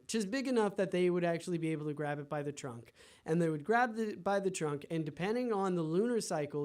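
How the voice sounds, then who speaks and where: A man from the D.C. area, a comedian guest, telling stories in a playful, animated way during a casual studio podcast chat. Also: high voice. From Washington, D.C. area.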